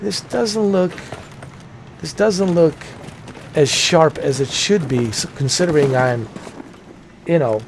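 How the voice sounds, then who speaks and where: A man's voice: fairly high pitch, slow, gravelly, pauses often. A man hosting a gaming video, casually explaining technical details and circling back over his points. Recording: faint game noise behind the voice.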